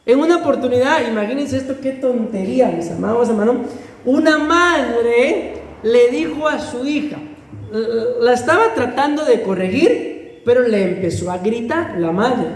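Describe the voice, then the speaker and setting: In a church hall whose recording carries long, echoing reverb, a Guatemalan-accented male pastor delivers a conversational sermon, addressing listeners as brother and slipping in light laughs between phrases. His very high voice is expressive at normal speed, with a little hiss or hum.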